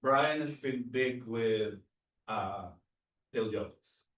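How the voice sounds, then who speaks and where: A mid-pitched man shares his approach on a discussion panel, often hesitating and restarting his phrases. He is picked up at a distance in a reverberant room. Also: takes it slowly, a bit bright, faint music behind. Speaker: real estate agent panelist. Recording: echoey room, mic at a distance.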